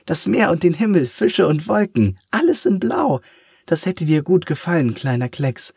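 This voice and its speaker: Man voicing a cheerful little female eraser, high bubbly voice, quick, warm-hearted, storybook. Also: very animated, creaky, husky, no room sound, studio quality, exaggerated voice. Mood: enthusing.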